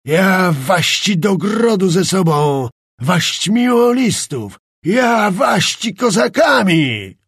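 A man's voice: high voice, very animated, slow, fairly bright tone, husky, no echo, studio quality, pitched above the performer's own voice, exaggerated voice. A man reading an audiobook, voicing a furious brawling nobleman who shrieks and stammers with rage.

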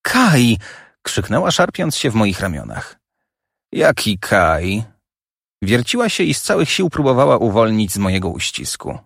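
A man's voice: medium pitch, big pitch swings, brisk, gravelly, few pauses, husky, no room sound, clean studio sound. A man giving an intense, dramatic first-person audiobook narration.

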